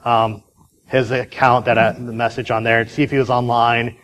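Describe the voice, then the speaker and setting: A man's voice: mid-range voice, level tone, moderate pace, a bit bright, rough recording. A man giving a casual conference talk, telling a story in a chatty way with many fillers and restarts. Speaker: conference speaker.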